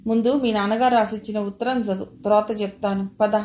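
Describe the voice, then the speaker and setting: A woman reading the part of a confident young woman who takes charge with brisk, steady speech, in a roomy recording with faint ambience. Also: medium pitch, a little hiss or hum, natural voice. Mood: gentle.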